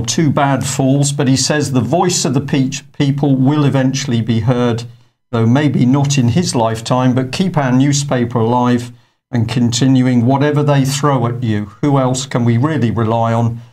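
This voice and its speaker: A man's voice: mid-range voice, darkish tone. A man presenting an online news show in a conversational, hesitant way with frequent fillers. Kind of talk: unscripted studio news talk.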